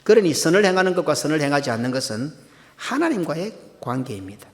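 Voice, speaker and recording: In a church sanctuary, a middle-aged senior pastor preaches to his congregation, firing off emphatic rhetorical questions. His voice is a little high and sing-song, and he talks fast. Long hall reverb fills the recording.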